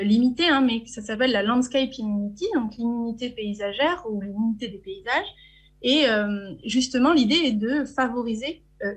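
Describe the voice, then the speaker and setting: A woman with a French accent giving an academic conference talk from slides, hesitant, with frequent fillers and restarts. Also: on the high side. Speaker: conference speaker.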